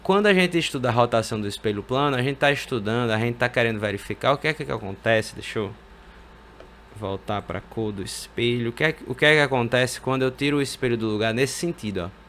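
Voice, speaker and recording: A Brazilian man teaching physics in an easygoing classroom manner, his voice sitting at an ordinary middle pitch. He talks through each step as he draws, often tossing in quick questions to keep his viewers with him. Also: a bit bright, a little hiss or hum. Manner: conversational, checks in often with rhetorical questions and tag words. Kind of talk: casual explanatory lesson at a whiteboard.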